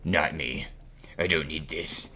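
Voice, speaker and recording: A man voicing a brooding, smug male killer from a dating game, talking in a gruff, withholding, teasingly menacing way. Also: rumbling low, fairly even intonation, slow pace, sharp tone, soft background music, heavily acted. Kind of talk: reading game dialogue aloud.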